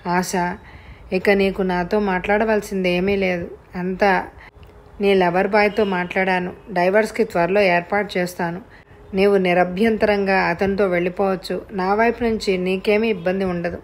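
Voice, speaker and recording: A woman's voice: mid-range voice, level tone, moderate pace, close to an everyday voice. Woman reading a scornful, cold husband, curt lines, audio novel. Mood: bitter. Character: cold, bitter husband, adult man.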